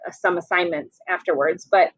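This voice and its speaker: A woman teacher with a fairly low, steady voice reads a picture book aloud to children, pausing to ask them questions. She goes slowly and patiently, and the audio is lo-fi.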